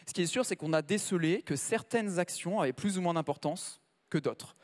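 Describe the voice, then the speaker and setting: A man's voice: high-pitched, normal speed. A man giving a conference talk with slides, chatty and conversational, turning to the audience and making small asides. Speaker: conference speaker. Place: large conference hall. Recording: long hall reverb.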